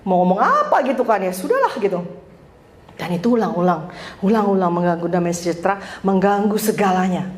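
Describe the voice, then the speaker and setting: A woman teaching a church class, telling personal stories in a lively, self-mocking way and laughing often. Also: medium pitch, fairly quick, echoey room. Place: church hall.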